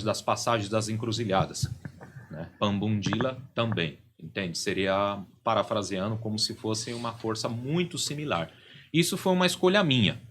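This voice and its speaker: A man's voice: on the low side, a bit bright, slight background noise. A middle-aged man, a podcast guest and religious leader, explaining at length in a casual studio chat and constantly checking in with "right?" and "you know?". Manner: explanatory, constantly tags phrases with "né?" and "entende?".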